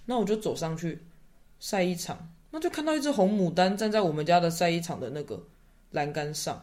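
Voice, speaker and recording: A young man speaks in a slightly high voice. He tells a story in a loose, chatty way, trailing off mid-sentence and laughing along the way. It sounds like a relaxed podcast conversation. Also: a little fast. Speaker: podcast guest. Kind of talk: casual chat.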